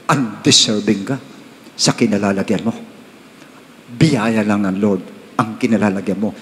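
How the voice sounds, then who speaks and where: A man with a Filipino accent preaching a sermon as pastor, swinging from calm talk to sudden high outbursts and slow stressed readings. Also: slight background noise. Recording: long reverb of a large hall.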